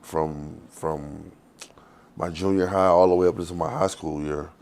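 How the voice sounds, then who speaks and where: A man's voice: low-pitched, steady tone, measured pace, vocal fry, darkish tone. A man, telling his life story in a loose, rambling, profane way in an interview. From Texas. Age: 40s. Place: outdoors on the street.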